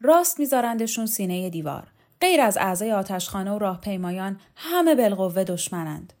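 A woman's voice: medium pitch, big pitch swings, a little mellow, natural voice. A woman reader voicing a sardonic woman veteran of the movement in an audiobook, speaking dryly. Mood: matter-of-fact. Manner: dry, mocking.

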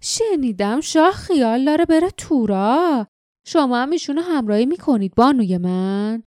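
A woman's voice: on the high side, warm tone, smooth, no echo, studio quality, close to an everyday voice. Sly sneering little man, as a woman reader puts him on. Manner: sneering, taunting, drawn-out. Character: sly mocking small man, sneering schemer.

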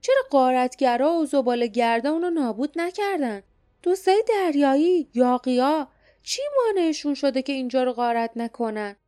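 Brief: practical, suspicious male warrior, read by a woman narrator, higher voice. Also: expressive, dark tone, faint music behind. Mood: wary.

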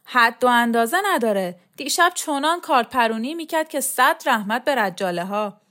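A woman reader voicing a domineering, scornful woman militant who shouts and sneers in a storybook reading. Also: on the high side, lively intonation, pitched above the performer's own voice. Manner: shouting, contemptuous.

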